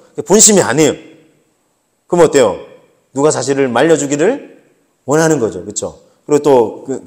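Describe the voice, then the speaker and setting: A male pastor delivering a Sunday sermon in a conversational preaching style. His delivery swings between emphatic, rising bursts and quiet asides, and he leans on everyday family examples. His voice sits at an ordinary middle pitch. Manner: illustrates with homely family anecdotes and quoted dialogue.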